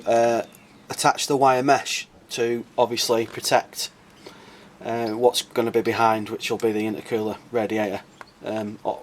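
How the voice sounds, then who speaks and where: A man with a croaky voice, casually explaining a car modification for his vlog, thinking aloud with plenty of uhs and ums. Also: medium pitch, a little hiss or hum. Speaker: car modding vlogger.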